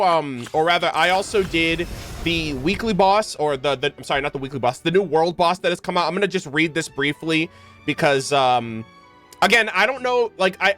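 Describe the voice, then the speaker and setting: A man streams a game live, commenting in a casual, rambling way and stumbling a bit whenever he reads something aloud. His voice is slightly high and a bit bright, with video game music in the background.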